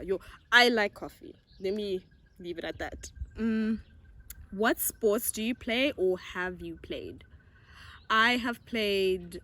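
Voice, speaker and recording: In a bright, forceful mid-range voice, a young adult woman with a Zimbabwean accent chats bubbly and giggly on her YouTube channel. It's a casual get-to-know-me video where she answers questions from viewers.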